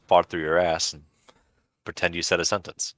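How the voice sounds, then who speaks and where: A man's voice: low voice, flat delivery, moderate pace, fairly bright tone, no room sound. A man co-hosting a podcast in casual chat, with dry, sardonic humor. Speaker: podcast co-host.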